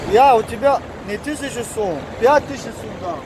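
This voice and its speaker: Male street vlogger, Tajik accent in Russian, high voice, teasing banter, noisy outdoor recording. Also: lively intonation, moderate pace. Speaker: street vlogger interviewing a taxi driver.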